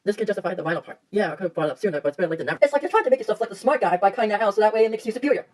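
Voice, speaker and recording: Fast-talking monotone male reviewer. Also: high voice. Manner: flat, monotone delivery. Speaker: reviewer under criticism. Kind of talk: online video review commentary.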